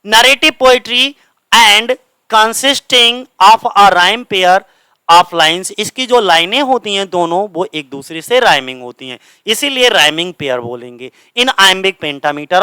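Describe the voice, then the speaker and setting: A man's voice: high-pitched, bright, forceful tone, clean tone, no echo, rough recording. A man with a Hindi accent teaching literature for exam prep at a coaching centre, asking questions and answering them himself while mixing English terms into his Hindi.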